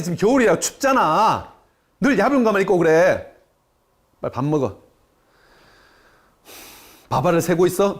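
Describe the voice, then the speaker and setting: A nagging mother fires off short, clipped commands at her child, one after another, as a male lecturer puts her on mid-talk. The voice sits a little lower than his usual lively lecturing tone. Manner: rapid string of short commands.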